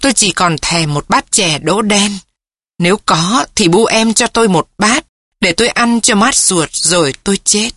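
A woman's voice: medium pitch, moderate pace, fairly bright tone, breathy edge, dry recording, studio quality. A woman voicing a dying young village husband, who pleads faintly and with resignation. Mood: resigned.

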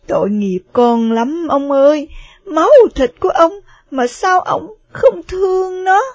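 A woman's voice: sits high, fairly even intonation, slow, warm tone, no room sound. A woman voicing an anguished middle-aged mother who pleads through tears. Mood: pleading. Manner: pleading, tearful.

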